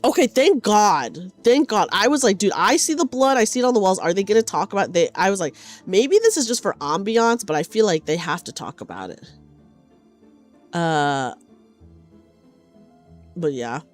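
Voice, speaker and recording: A woman's voice: mid-range voice, sing-song, normal speed, pauses often, faint music behind. A woman streamer chatting casually and expressively, swearing a bit and reading game dialogue aloud. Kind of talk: casual livestream chat mixed with dramatic read-aloud of game dialogue.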